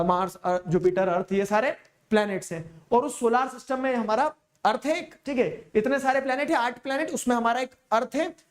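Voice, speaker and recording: A man teaching a geography lecture in a casual, chatty way, often stopping to check that listeners follow. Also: extremely high pitch. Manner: keeps asking listeners if they follow. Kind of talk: explanatory lecture.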